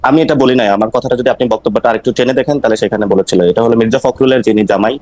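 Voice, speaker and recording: A man's voice: mid-range voice, steady tone, a little mellow, poor audio. A man from Noakhali, Bangladesh, a politician guest on a talk show, defending his earlier remarks in insistent, repetitive answers. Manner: rapid, insistent, repeats himself when explaining.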